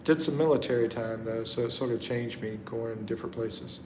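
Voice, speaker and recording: Reading out viewer comments on a relaxed nighttime livestream, this Carolinas-born, middle-aged host speaks at a medium pitch. He stops and restarts a lot with many ums, talking from an echoey room in his Philippines home with constant background noise.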